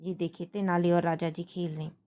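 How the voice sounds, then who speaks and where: A woman's voice: on the low side, little pitch movement, brisk, dark tone. A woman teacher reading a school play aloud and explaining its words to pupils, checking in often.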